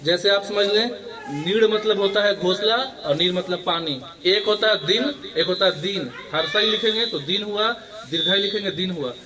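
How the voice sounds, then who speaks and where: High-voiced teacher quizzing a crowd of students. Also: male voice, normal speed. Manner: quizzing students, repeating questions for chorus answers. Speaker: school teacher. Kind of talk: morning assembly lesson. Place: school assembly with students around. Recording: children's crowd audible behind.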